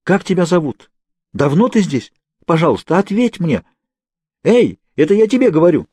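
A man voicing a desperate, defiant young woman held captive, shouting and pleading insistently. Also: a little high, sing-song, rapid-fire, dry recording, voice pushed up. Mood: urgent pleading.

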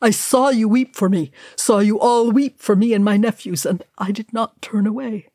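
A woman's voice: on the low side, slow, warm tone, no echo, studio quality. A woman growling as a stern dwarf king. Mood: commanding. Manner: growling, commanding.

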